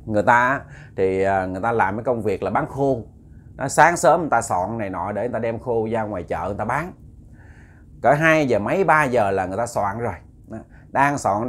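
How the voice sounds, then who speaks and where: A man with a Southern Vietnamese accent narrates a ghost story in a casual, conversational manner. He keeps turning to address his listeners directly, with a voice of ordinary male pitch. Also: husky.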